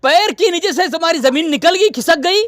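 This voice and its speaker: Very high, sharp-toned commanding man. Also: animated, brisk, no echo. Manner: commanding, demands silence, mocking. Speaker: debater. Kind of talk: heated religious debate addressing listeners.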